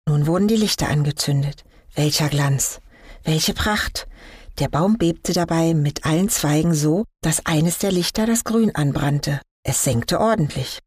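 Brief: woman reading a fairy tale aloud, calm and measured, husky, dry close recording. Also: low voice, dry recording. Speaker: story reader.

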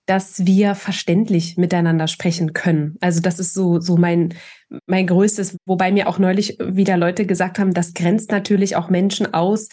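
A woman from eastern Germany, a speech scientist guest on a podcast, explaining her views in a measured, thinking-aloud way. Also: on the low side, dark tone. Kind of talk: expert interview answers.

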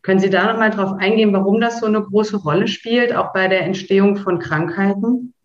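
A woman's voice: medium pitch, brisk. Eager woman host in a roomy, dull recording. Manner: eager, effusive, repeats "spannend". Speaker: podcast host and interviewer. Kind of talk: casual podcast interview.

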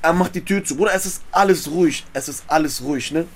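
A guest with an urban German multiethnolect accent tells prison stories in slangy, casual speech, acting out dialogue and repeating phrases. His voice sits on the high side and he talks fast, keeping the storytelling animated.

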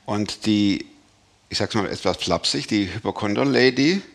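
A man hosting an interview, asking questions in a relaxed, joking manner. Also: lowish voice, moderate pace, vocal fry. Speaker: host. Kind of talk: casual interview.

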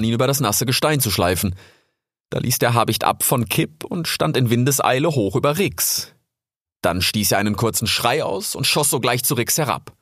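A man calmly narrating a storybook aloud. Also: mid-range voice, no echo, studio quality. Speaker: audiobook narrator.

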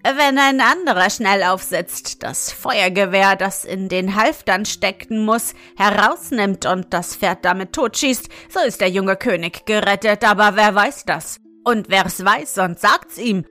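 A woman reading aloud, voicing talking ravens in a fairy tale, with loud, foreboding pronouncements. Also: medium pitch, unhurried, hardly any pauses, soft background music. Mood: ominous. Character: gossiping talking ravens, ominous and knowing.

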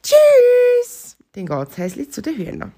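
A woman in her thirties with a St. Gallen Swiss German accent, telling an improvised story to her child in an animated way. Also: deep voice, normal speed, creaky, husky. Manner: lively, animated narration with doing voices.

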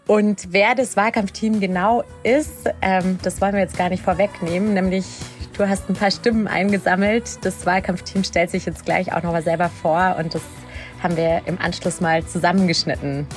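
A woman's voice: fairly low pitch, steady tone, moderate pace, faint music behind. A woman co-hosting a podcast, chatting casually and giving short friendly replies. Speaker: podcast co-host.

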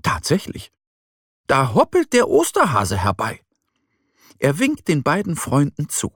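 A man narrating a children's audio story in a gentle, expressive way. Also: a little high, a little slow, breathy edge, no echo, studio quality.

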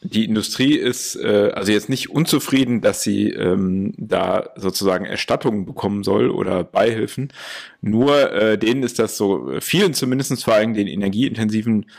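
A man with a low, gravelly voice takes his time explaining a policy point in a relaxed conversational way. He fills his pauses with plenty of hesitation sounds. His tone stays matter-of-fact and explanatory. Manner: explains at length, with many fillers.

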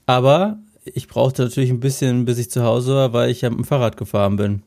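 A man's voice: mid-range voice, a little fast, a little mellow. A man from Germany co-hosting a casual podcast chat, talking in a chatty, thoughtful way. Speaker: podcast co-host.

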